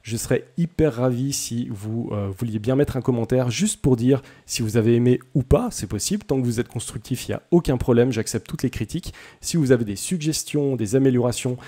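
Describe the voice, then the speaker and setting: A man's voice: mid-range voice, brisk, warm tone. A young man hosting a casual coding tutorial, chatty and self-deprecating, with many hesitations.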